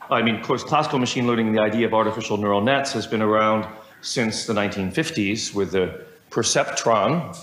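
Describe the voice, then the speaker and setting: Middle-aged male professor, lecture in a roomy hall, mid pitch, rambling with wry asides. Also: a bit bright.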